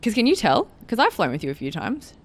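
A woman's voice: mid-range voice, fast talker. A woman co-hosting a podcast in casual chat, talking freely and laughing often. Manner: chatty, laughs often, animated. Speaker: podcast co-host.

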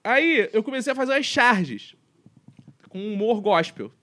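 A man's voice: extremely high pitch, sing-song, normal speed, sharp tone. A man with a Brazilian Portuguese accent hosting a casual chat, irreverent and profane in his jokes.

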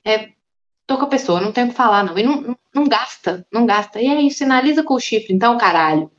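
A woman co-hosting a podcast, animated and casual, with the odd swear word. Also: fairly high pitch, quick pace. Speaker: podcast co-host. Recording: dull lo-fi mic.

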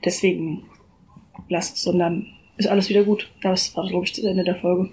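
A woman co-hosting a casual podcast, lively as she retells a TV episode and drops dry quips. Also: fairly low pitch, normal speed, slight background noise. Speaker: podcast co-host.

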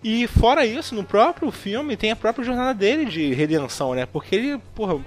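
High-voiced Brazilian man chatting emphatically. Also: very animated, a little fast. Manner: slangy, emphatic, swears freely. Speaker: podcast host. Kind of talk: casual film discussion.

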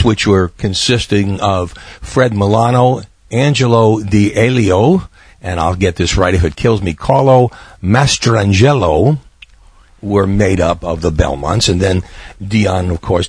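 A man hosting an oldies radio show in a conversational, halting way, his voice raspy and hoarse from being a little under the weather. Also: sits low, no room sound. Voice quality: husky, raspy.

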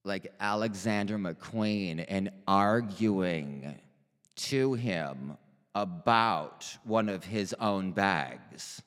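Man, lowish voice, unhurried rambling chat with lots of false starts and swearing, recorded with a long hall echo. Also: expressive, a bit bright. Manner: slow, halting, full of pauses and restarts; chatty and profane. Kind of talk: casual rambling monologue.

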